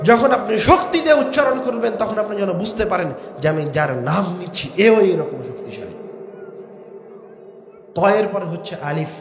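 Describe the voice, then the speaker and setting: A man preaching a waz sermon, swinging between shouted emphasis and low drawn-out words, with rhetorical questions to the crowd. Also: echoey room, slight background noise. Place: large outdoor religious gathering.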